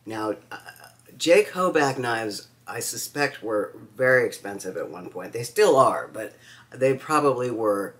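A man's voice: medium pitch, expressive, unhurried, a bit bright. A man reviewing knives at home in a casual vlog, wry and campy with chatty asides. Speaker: knife reviewer.

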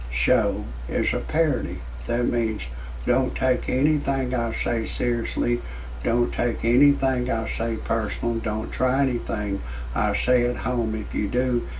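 Gravelly-voiced man in his sixties. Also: medium pitch, darkish tone, a little hiss or hum, poor audio. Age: 60s. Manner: halting, with many fillers and restarts. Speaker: parody show host. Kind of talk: rambling comic monologue.

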